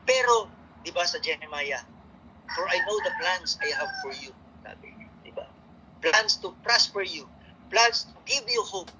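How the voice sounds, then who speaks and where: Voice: mid-range voice, lively intonation, unhurried, bright, forceful tone, highs cut off, a little hiss or hum. A speaker with a Filipino accent giving a morning devotion in a casual sermon style, reading scripture aloud and often asking "no?".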